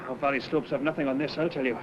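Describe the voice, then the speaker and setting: An actor playing a good-humoured, deferential police subordinate in a 1970s television drama, respectful and wry with some hesitancy. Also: male voice, medium pitch, steady tone, very fast, natural voice. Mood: wry, rueful. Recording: muffled, noisy 1970s television location sound.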